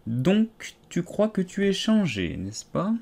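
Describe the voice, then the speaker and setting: A man's voice: sits high, sing-song, slow pace, gravelly, a little mellow, voice pushed up, full character voice. A man doing a drawling sleepy caterpillar. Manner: drawling, curt and contemptuous. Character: languid, stern, sleepy caterpillar smoking a hookah. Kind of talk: audiobook character voice.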